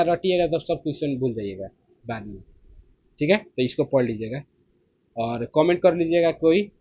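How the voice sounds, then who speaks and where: A man's voice: fairly high pitch, breathy edge, no room sound. A man teaching an exam-prep lesson in a casual, chatty way, tagging "theek hai" onto each point. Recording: slightly muffled dry recording.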